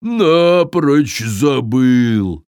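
A man voicing a huge, forgetful, bewildered male giant in a children's story, booming and slow. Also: animated, darkish tone, smooth, no echo, clean studio sound. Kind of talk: storybook character voice.

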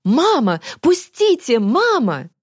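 A woman's voice: high-pitched, wildly swooping pitch, slow, no echo, studio quality, voice pushed up, heavily acted. A woman doing a furious, anguished teenage boy. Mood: desperate. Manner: shouting, raw and anguished. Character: hot-headed teenage boy, desperate and furious.

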